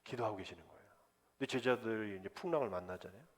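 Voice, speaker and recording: A man preaching a sermon as pastor, lively and conversational, acting out the voices of people he quotes. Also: lowish voice, very fast. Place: church sanctuary. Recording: long church hall reverb.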